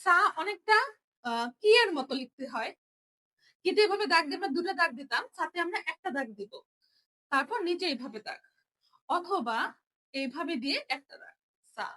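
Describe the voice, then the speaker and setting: A woman's voice: very high-pitched, lively intonation, normal speed, long pauses, pushed and bright. A young woman teaching a Japanese writing lesson, explaining each stroke patiently and repeating every sound.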